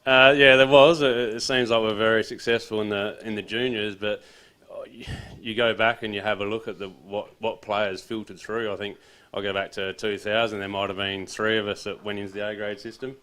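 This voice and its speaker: Brisk and fairly low-pitched, an Australian man who works as an assistant footy coach chats casually in an interview. He rambles a little, stays relaxed, and notes that he's got a loud voice.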